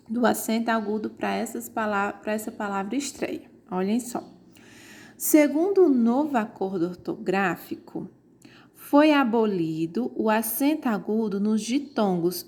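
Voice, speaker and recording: A woman teaching an online grammar lesson, explaining slowly and pointing out examples on screen. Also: on the high side, mellow.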